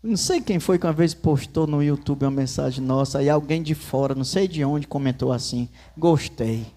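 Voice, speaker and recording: A man's voice: on the high side, brisk, warm tone. A man with a Northeastern Brazilian accent, a pastor preaching a sermon in church with folksy asides and storytelling.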